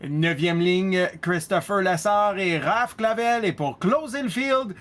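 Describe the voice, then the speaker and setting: A man's voice: sits high, fairly bright tone. A man with a Québécois French accent commenting on a race, mixing English racing words into his French. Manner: reads lineups slowly, mixes in English words. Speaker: color commentator.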